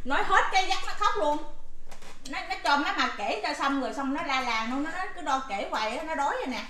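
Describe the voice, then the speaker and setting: A mother telling a family story in a casual vlog, animated and full of exclamations. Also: high voice, fast talker, reverberant, slight background noise.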